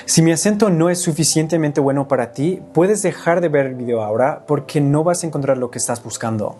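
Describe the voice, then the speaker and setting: A man's voice: on the high side, fairly quick, warm tone, a little hiss or hum. Young man teaching, English native. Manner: clear, step-by-step explaining. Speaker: language teacher and video host. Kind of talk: scripted lesson to camera.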